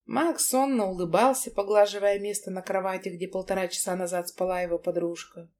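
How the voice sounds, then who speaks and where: A woman narrating an audiobook in an expressive, lively reading. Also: mid-range voice, a little fast. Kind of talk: scripted narration.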